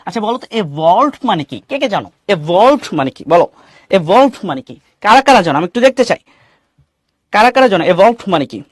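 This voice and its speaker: High-voiced Bangladeshi teacher, dry sound. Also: male voice, big pitch swings, normal speed, dry recording. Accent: Bangladeshi Bengali. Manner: asks questions and reads out student names; mixes English phrases into Bengali teaching. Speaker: English teacher. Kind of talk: online class lecture.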